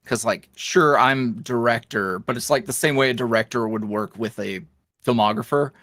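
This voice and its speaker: Medium in pitch and normal in speed, this slightly bright male voice belongs to a young roleplay creator guesting on a podcast. He talks casually and self-reflectively, rambling with many fillers and restarts, in clean studio audio without echo.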